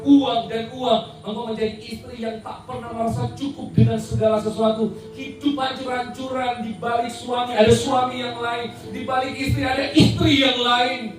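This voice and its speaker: A woman pastor preaches dramatically in a church hall, swinging from loud declarations to soft, low pleas. Her voice echoes heavily around the room. Music plays clearly behind her, and she sounds some way off the mic. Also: little pitch movement, normal speed, hardly any pauses, recorded from a distance. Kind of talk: sermon.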